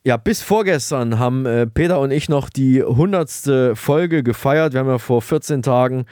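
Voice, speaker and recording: A man's voice: mid-range voice, a little mellow, faint music behind. Flustered rambling man co-hosting. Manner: flustered, rambling, quick with restarts. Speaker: podcast co-host. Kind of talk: comedic podcast chat.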